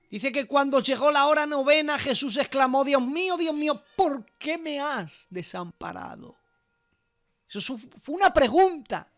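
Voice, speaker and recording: A man with a high voice delivers an earnest sermon at an unhurried, deliberate pace, pressing his points with rhetorical questions. Soft music plays faintly behind him. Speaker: preacher. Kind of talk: sermon preached over a walkie-talkie app service.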